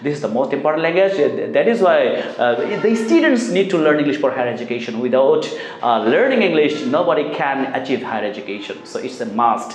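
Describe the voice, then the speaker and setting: A man's voice: on the high side, very animated, extremely slow, echoey room. A man with a Bangladeshi accent, a native Bengali speaker teaching a spoken English lesson, drilling translations and pleading earnestly with many "uh" fillers.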